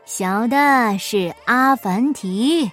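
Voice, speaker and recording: A woman voicing a clever, humble male folk trickster in a storybook reading, unhurried and politely mocking. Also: a little high, expressive, faint music behind. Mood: sly.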